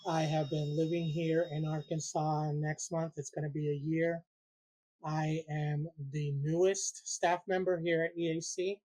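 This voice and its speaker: A man from Puerto Rico, a support group facilitator, answering interview questions in an earnest, measured way. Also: fairly high pitch, little pitch movement, darkish tone.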